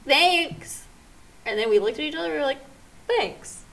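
A woman's voice: high voice, racing, vocal fry, a little mellow. A young adult woman co-hosting a podcast, chatting casually and quoting people in character as she tells stories. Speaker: podcast co-host. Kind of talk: casual chat.

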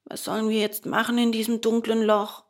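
Eine Frau spielt einen jammernden Holzpuppenjungen. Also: female voice, fairly high pitch, completely flat delivery, brisk, pitched above the performer's own voice, natural voice. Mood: frightened. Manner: wailing, anxious. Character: young wooden puppet boy, frightened and whiny.

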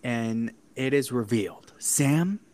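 A man in casual chat, recapping a film scene by scene, cursing freely and laughing as he goes. His voice sits at an ordinary middle pitch. A faint hiss runs under it. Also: measured pace. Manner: animated, profane, laughs often. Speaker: podcast co-host recapping a film.

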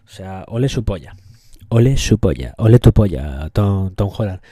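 A man's voice: lowish voice, expressive, normal speed, mellow, husky, no room sound. A young man with a Spain Spanish accent hosting a solo podcast, rambling and joking crudely, with plenty of profanity. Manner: rambling, loses the thread. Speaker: podcast host. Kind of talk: casual solo podcast rant.

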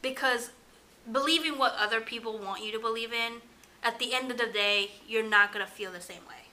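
A woman's voice: a little high, fairly quick, bright, forceful tone. A woman co-hosting a casual podcast, chatty, trailing off mid-thought and laughing often. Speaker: podcast co-host. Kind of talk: casual chat.

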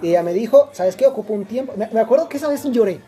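A young man with a Mexican accent talks quickly through a personal story, full of slang and false starts. His voice is mellow and dark, with faint music playing underneath. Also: high voice, lively intonation. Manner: rambling, slangy, many restarts. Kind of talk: casual storytelling chat.

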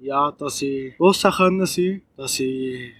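A man's voice: medium pitch, slow. A young man with a Swiss German accent chatting casually as an interview guest. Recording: distant mic with loud background noise.

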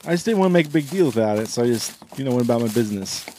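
A man co-hosting a comedy podcast, telling a crude story in a deadpan, low-key way. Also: very fast, a little hiss or hum.

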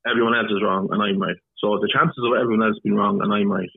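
A man's voice: on the low side, flat delivery, fast, vocal fry, husky, no echo. A man with an Irish accent, a podcast guest talking bluntly in casual conversation, swearing now and then. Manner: blunt, swears, repeats words. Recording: tinny phone-line sound.

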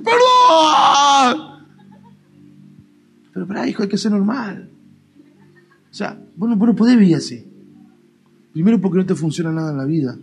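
In a church, a male pastor with an Argentine Spanish accent delivers a lively, colloquial sermon full of playful mock dialogues. His voice sits fairly high.

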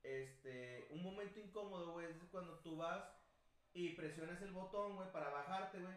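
Slangy Mexican man, high voice, echoey room. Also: moderate pace, a bit bright, recorded from a distance. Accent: Mexican Spanish. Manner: joking, slangy, laughs often. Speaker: podcast co-host. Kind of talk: casual podcast chat reading listener messages. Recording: echoey room, a bit off-mic.

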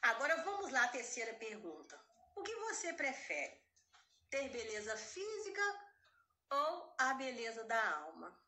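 High bright fervent woman. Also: wildly swooping pitch, a little slow, reverberant. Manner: fervent, emphatic, repeats phrases.

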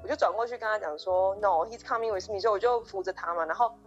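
In a casual storytelling chat, a young podcast co-host eagerly recounts a story, full of restarts and quoted lines. She speaks quickly at a medium pitch. The recording is lo-fi, with soft music in the background.

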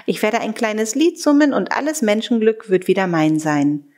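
A woman reading a wartime diary aloud in a measured, earnest way. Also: mid-range voice, sing-song, a little mellow. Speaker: reader.

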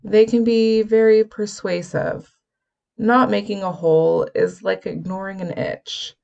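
A woman voicing a calm young medium who speaks quietly and evenly, at times in a near whisper. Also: mid-range voice, gravelly, dull audio. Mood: measured. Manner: quiet, measured, sometimes whispering.

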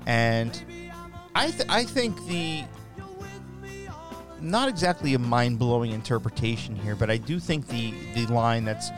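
A man's voice: medium pitch, animated, measured pace, pauses often. A man co-hosting a podcast, chatting casually in an easygoing, banter-filled way. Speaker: podcast co-host. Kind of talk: casual chat. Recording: music playing under the voice. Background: recorded music.

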